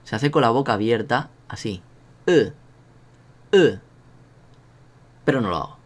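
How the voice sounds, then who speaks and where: A man from Spain, Spanish-accented with a mid-range voice, talks fast through a laid-back online language lesson. He makes fun of himself and practices sounds aloud with learners.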